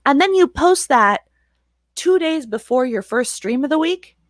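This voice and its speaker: A woman's voice: sits high, animated, a little slow, dry recording. A woman hosting a casual livestream, loosely asking her chat questions and laughing easily. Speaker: streamer host.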